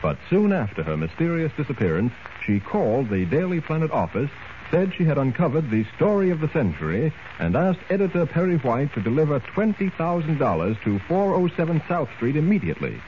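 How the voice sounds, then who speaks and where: A man narrating an old radio drama in a measured 1940s storytelling style, heard as an old radio broadcast. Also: a little high, sing-song. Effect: old radio broadcast sound. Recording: dull lo-fi old radio recording, faint hiss.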